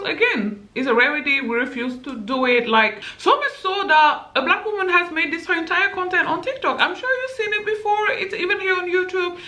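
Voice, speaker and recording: Blunt, bright-voiced woman vlogger. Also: on the high side. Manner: blunt, animated, talks straight to viewers. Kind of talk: opinion vlog. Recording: echoey room.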